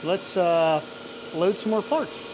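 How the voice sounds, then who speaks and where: A man's voice: high voice, slow. A man giving a casual hands-on demonstration in a workshop, with a machine running noisily behind him. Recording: loud machine noise behind the voice. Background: machine running, steady mechanical noise.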